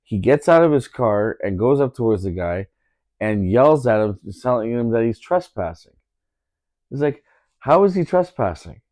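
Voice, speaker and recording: A man's voice: mid-range voice, animated, moderate pace, darkish tone, dry recording. A man telling a story in a casual podcast chat, indignant, repeating himself with lots of fillers.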